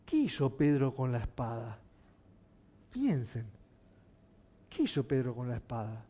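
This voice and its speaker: A man's voice: mid-range voice, unhurried. A male pastor preaching a sermon, asking his listeners questions. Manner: animated, asking the congregation questions.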